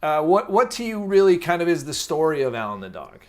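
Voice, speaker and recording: A man interviewing casually, telling anecdotes in an animated, chatty way. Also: a little high, a little fast. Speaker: interviewer, filmmaker.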